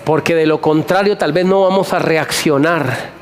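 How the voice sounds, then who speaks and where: A man preaching a sermon to a congregation, animated, repeating phrases and firing questions at the listeners. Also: fairly high pitch, normal speed. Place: church hall before a congregation.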